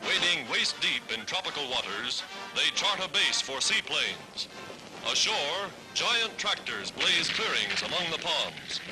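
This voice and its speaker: A man narrates an old 1940s wartime newsreel in a dramatic, declamatory announcing style. His voice sits somewhat high, with a loud music score underneath. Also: very animated, a little slow, poor audio.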